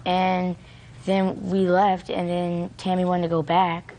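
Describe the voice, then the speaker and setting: A woman's voice: fairly low pitch, level tone, slow pace, mellow. A young American woman recounting events hesitantly as a witness in a TV court.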